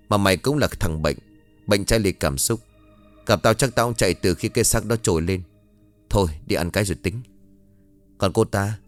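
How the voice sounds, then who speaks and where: A man's voice: on the low side, lightly acted. A man voicing a cool-headed psychiatrist who explains things bluntly and offhandedly. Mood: dismissive.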